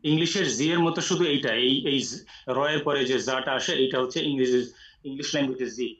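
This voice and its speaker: A man teaching Quran recitation in an online class, explaining rules patiently and reciting slowly with long drawn vowels. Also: medium pitch, a bit bright. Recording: echoey room, muffled audio.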